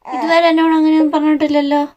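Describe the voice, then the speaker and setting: A woman's voice: high voice, flat delivery, rapid-fire, a little mellow, highs cut off. A woman in a home vlog, hurt and reproachful as she argues with her husband, picked up by a camera some way off. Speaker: vlogger, wife being pranked. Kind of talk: casual home vlog, upset argument.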